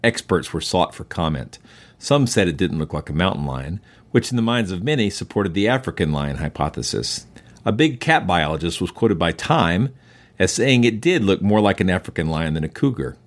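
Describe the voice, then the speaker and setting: An American man hosting a science show, narrating from a script in a curious, measured, explanatory way. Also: low voice, very animated. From US East Coast. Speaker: host of a science podcast.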